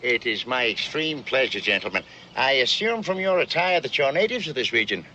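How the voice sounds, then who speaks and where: Very animated and brisk, this actor's natural, medium-pitched voice brings a grandly courteous huckster and traveling showman to life in a 1960s television western. His wordy, pompous patter recalls a riverboat gambler. The lo-fi sound comes from a noisy old soundtrack.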